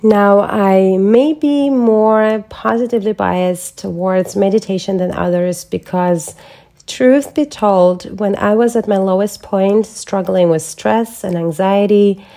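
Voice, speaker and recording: A woman hosting her own wellness podcast, talking alone from a script. Her voice is mellow and soft-toned, at a middle pitch. She keeps a calm, measured, reflective pace throughout. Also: vocal fry. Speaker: podcast host and holistic health coach. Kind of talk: scripted solo podcast talk.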